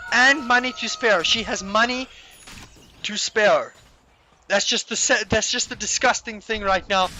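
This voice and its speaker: Male esports caster, fighting game announcer hype, bright and forceful high voice, faint background noise. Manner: hype fighting game announcer delivery, shouting out big plays. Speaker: esports commentator. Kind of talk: live esports play-by-play commentary.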